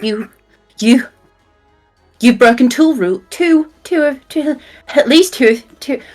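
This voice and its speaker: A woman's voice: high-pitched, slow, darkish tone, soft background music, voice pushed up. A woman playing an exasperated fey woman in a tabletop game, scolding her companions in a bossy, emphatic, repetitive way. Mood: indignant.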